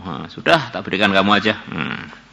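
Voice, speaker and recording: Older man, bright voice, reads Arabic then explains it, sermon. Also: on the low side, lively intonation, a little fast, creaky. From Indonesia. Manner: reads Arabic phrases then paraphrases them, acts out dialogue in a raised voice. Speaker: kyai teaching a religious class.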